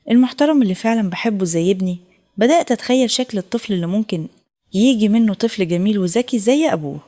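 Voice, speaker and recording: Fast-talking Egyptian woman narrating a story. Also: mid-range voice, darkish tone. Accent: Egyptian Arabic. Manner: earnest, confessional telling. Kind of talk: first-person audio story narration.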